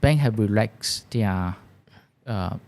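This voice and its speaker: A male business founder with a Malaysian accent speaks in a low voice with plenty of gravelly creak. He answers interview questions conversationally, haltingly repeating words in loose, non-standard English grammar. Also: a little mellow.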